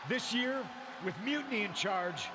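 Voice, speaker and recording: Grandstanding wrestler in a game, high lively voice, slow drawn-out delivery, loud crowd roar. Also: male voice. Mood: boastful. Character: boastful male wrestling faction leader. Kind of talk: game cutscene promo. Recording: game audio over roaring crowd noise.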